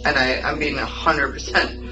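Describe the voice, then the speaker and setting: A woman's voice: extremely low pitch, steady tone, moderate pace. Muffled, insistent woman defending herself under questioning. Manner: insistent, repetitive denials. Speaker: suspect under police questioning. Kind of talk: pleading, defensive interrogation answers. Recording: muffled, distant interrogation recording, music behind.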